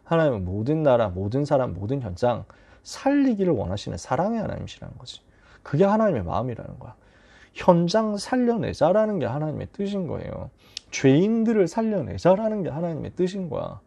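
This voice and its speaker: A man teaching a Bible lesson to high school students in a lively storytelling manner, acting out the quoted lines. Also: brisk, gravelly, husky. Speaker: youth group teacher.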